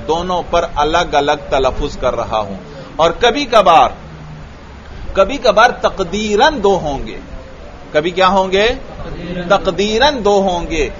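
Man, teacher, classroom grammar lesson, quizzes students, slightly high voice, muffled lo-fi audio. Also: fairly bright tone. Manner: questioning students, repeating answers. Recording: dull lo-fi recording.

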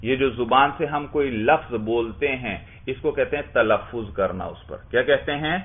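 A man teaching a class, explaining step by step and asking his students questions that he then answers himself. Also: medium pitch. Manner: explains with repeated questions and answers, often adds "bhai". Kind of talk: classroom lecture. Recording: tinny phone-like sound.

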